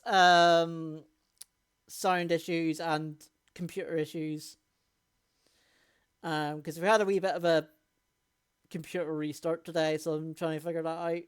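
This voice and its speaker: A woman's voice: low voice, smooth. Chatty woman streamer. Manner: chatty, rambling, easygoing. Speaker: game streamer. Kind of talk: casual stream chat.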